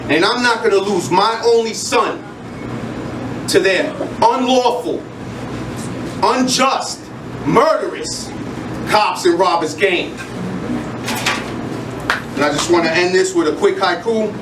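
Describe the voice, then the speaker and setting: Man, spoken word poet, high voice, angry and intense, echoey venue, distant mic. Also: takes it slowly, long pauses. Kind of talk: live slam poetry performance. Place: live venue stage. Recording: echoey room, distant mic, noisy crowd.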